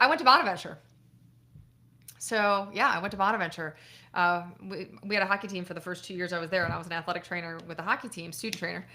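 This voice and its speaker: A middle-aged doctor from Buffalo, in upstate New York, chats casually on a live stream and answers viewer questions. Her medium-pitched voice sounds pushed and bright, and she laughs often and swears now and then.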